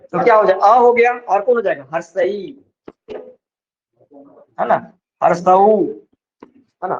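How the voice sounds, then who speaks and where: A male teacher from lecturing on vowels in a classroom style, often checking whether students follow. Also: sits high. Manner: explains slowly, stretching example words. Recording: dull lo-fi sound.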